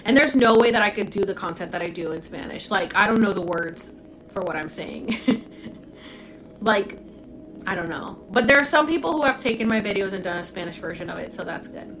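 On a casual phone livestream, a young woman born in Puerto Rico and raised in Florida answers viewers' comments with blunt candor, free swearing and plenty of "like." Her medium-pitched voice is brisk and fairly bright with lively intonation. The audio is poor, with soft music in the background.

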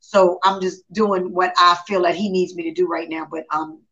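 A woman's voice: fairly low pitch, normal speed. A woman singer as the guest in a casual interview, telling stories, acting out quotes and laughing often. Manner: lively storyteller who acts out quotes and laughs often. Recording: dull lo-fi live stream audio.

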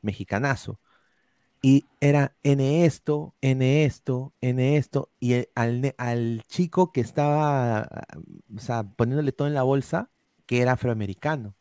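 A man's voice: mid-range voice, measured pace, warm tone, clear, resonant tone, no room sound. Rambling Peruvian man hosting a podcast. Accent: Peruvian Spanish. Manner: rambling, with many restarts and "o sea" fillers. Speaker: podcast host reading viewer comments. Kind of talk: casual chat.

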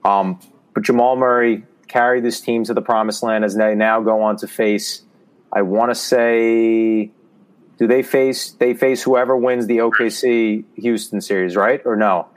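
A man with a lowish voice co-hosts a sports chat, getting worked up and saying things twice for emphasis. His delivery is loose and enthusiastic. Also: a little slow. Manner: excited, repeats his phrases. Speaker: podcast co-host. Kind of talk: casual sports talk.

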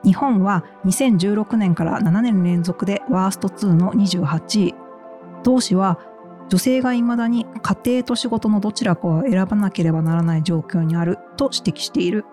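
A woman's voice: medium pitch, moderate pace, mellow, faint music behind. A woman hosting a podcast, introducing the show and reading out news summaries in a presenter's style. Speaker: podcast host.

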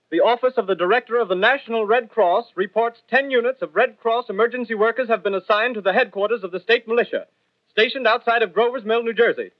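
A man's voice: high voice, dry recording, muffled recording, natural voice. A man playing a grave radio news announcer, reading formal bulletins in an old 1930s newsreel manner. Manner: formal, clipped, solemn bulletin delivery.

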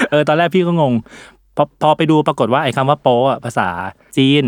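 A man's voice: a little high, moderate pace, dry recording, studio quality. Chatty man explaining with a laugh. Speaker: podcast co-host. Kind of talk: casual podcast chat.

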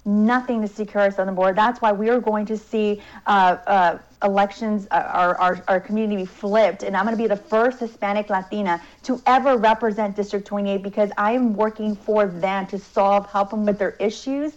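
A woman political candidate answering interview questions with repeated talking points in quick bursts. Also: medium pitch, steady tone. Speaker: congressional candidate, guest. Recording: dull lo-fi remote audio.

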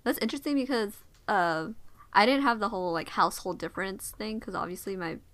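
A young adult woman leads a casual conversation as discussion leader, recounting a memory in a chatty, reflective way and asking her friends follow-up questions. Her mid-range voice is a bit bright and a little fast.

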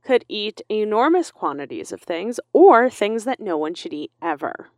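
A woman's voice: mid-range voice, big pitch swings, moderate pace, no echo. A young woman co-hosts a chatty podcast, her voice swinging up and down as she tells a story. She laughs often and fills gaps with ums. The sound is dry and close. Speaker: podcast co-host. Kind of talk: casual chat, storytelling.

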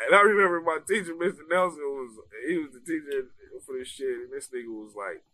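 A young man telling a casual story among friends, animated and laughing, full of slang and swearing. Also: on the high side, fairly quick.

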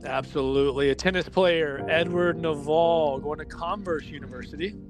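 A man's voice: a little high, moderate pace. A man hosting a casual sports podcast, announcing names in an upbeat way. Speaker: podcast host. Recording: music bed under the talk.

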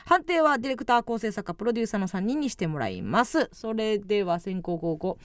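A woman's voice: medium pitch, sing-song, quick pace, dry recording. A woman with a Kansai accent co-hosting a comedy radio show, reading out listener letters and making blunt, teasing retorts in casual banter.

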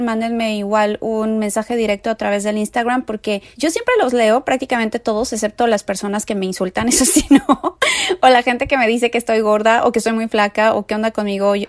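A woman's voice: a little high, no room sound, clean studio sound. A young woman hosting a casual podcast, chatty and rambling, laughing as she talks. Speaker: podcast host, nutrition creator.

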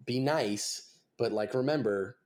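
A man's voice: mid-range voice, takes it slowly, a little mellow. A man in his twenties, a touring musician, chatting casually and rambling through stories with lots of fillers and swearing. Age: 20s. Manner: swears freely, rambling storytelling with many fillers. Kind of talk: casual podcast chat.

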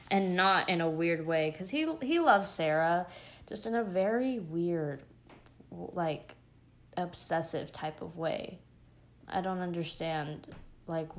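A young woman chatting casually as she recaps a show, rambling with lots of fillers and gushing asides. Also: on the low side. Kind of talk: casual chat.

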